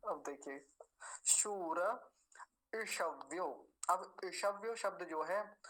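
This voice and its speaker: A man's voice: on the high side, rough recording. Patient man drawing out Sanskrit syllables. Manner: slow and deliberate, drawing out syllables to demonstrate them; patient, explanatory, with gentle chuckles. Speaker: Sanskrit pronunciation teacher. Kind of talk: pronunciation lesson.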